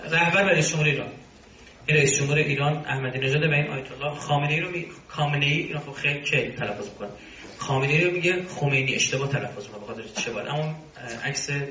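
In a recording that is distant, roomy, and dull, a man gives a combative religious lecture, occasionally slipping into mocking asides. He speaks in a mid-range voice with a fairly bright tone.

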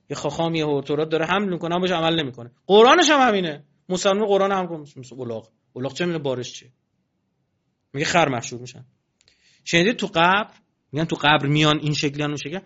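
This is a religious sermon from a man whose slightly high voice comes through a muffled, dull lo-fi recording. He preaches colloquially and with animation, throwing in mocking remarks.

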